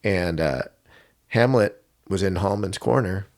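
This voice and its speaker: A man with a very low, deep voice tells a story as a guest on a podcast. He is a middle-aged coach from Washington state. He slips into other people's lines with sudden jumps in pitch. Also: measured pace, creaky. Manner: animated storyteller, acts out quotes with big pitch jumps. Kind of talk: casual storytelling interview.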